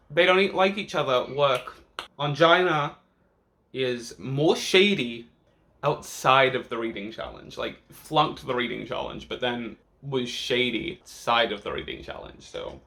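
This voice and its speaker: A man's voice: mid-range voice, bright, forceful tone. A man with the campy, catty manner of a drag queen, giving a casual, sweary reaction vlog with sassy slang and emphatic repetition.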